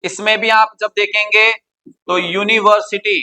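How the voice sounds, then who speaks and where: Bright-voiced man quizzing an English class. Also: high voice, flat delivery, unhurried, low-quality recording. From India. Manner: quizzing students with repeated questions. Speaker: English grammar teacher. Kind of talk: classroom lecture.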